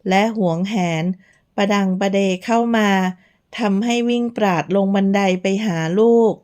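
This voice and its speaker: A woman narrating a romance novel aloud from a script. She reads slowly and evenly, at a measured pace. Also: medium pitch, a little mellow. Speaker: audiobook narrator.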